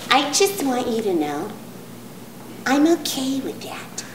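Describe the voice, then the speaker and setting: A slow, soft, condescending hippie woman, serenely smug and a touch lower and quieter than a natural voice, as a woman comic puts her on. Echo hangs in the room. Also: recorded from a distance, heavily acted. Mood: patronizing. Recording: echoey room, audience noise.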